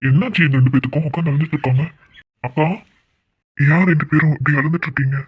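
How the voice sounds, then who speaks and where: A man's voice: on the high side, fairly even intonation, fast talker, husky, dry recording, phone-quality sound. A man voicing a blunt younger brother who scolds his sister in a cartoon drama. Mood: scolding. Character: harsh, scornful younger brother. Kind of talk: cartoon voice acting.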